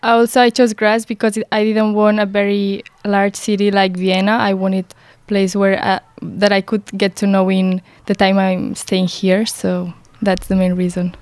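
A young woman answers as a guest on a student radio show. She explains her points steadily in an even, smooth voice, recorded dry and close. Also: medium pitch, moderate pace, few pauses, no echo. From Catalonia. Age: young adult.

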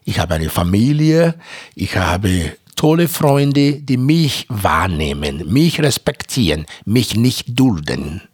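A man's voice: on the low side, big pitch swings, takes it slowly, slightly rough, no echo, studio quality. A middle-aged man from Nigeria, answering interview questions earnestly with many hesitations. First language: a Nigerian language. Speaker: interview guest, author.

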